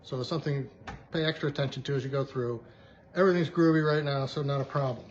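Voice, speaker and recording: A man's voice: mid-range voice, steady tone, quick pace. A man chatting in a casual video diary, upbeat and rambling as he shows things off. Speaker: vlogger. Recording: dull lo-fi sound with faint background hiss.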